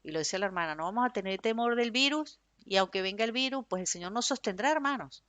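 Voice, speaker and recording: A woman preaching a fervent, emphatic sermon in Spanish with a Venezuelan accent, speaking in a loud tone. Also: medium pitch, lively intonation, fast, no room sound.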